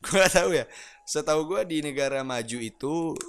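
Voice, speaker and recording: A man's voice: a little high, expressive, moderate pace, smooth, no echo. A young man from Aceh, Indonesia, chatting casually and playfully as a YouTuber reacting to videos. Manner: playful, joking, slangy, chuckles often.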